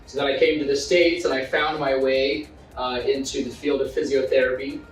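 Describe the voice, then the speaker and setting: A man's voice: mid-range voice, flat delivery, normal speed. A man who teaches physiotherapy, talking earnestly in a casual interview with some filler words. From Zimbabwe. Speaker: physiotherapy course instructor. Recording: roomy room, distant mic, faint music.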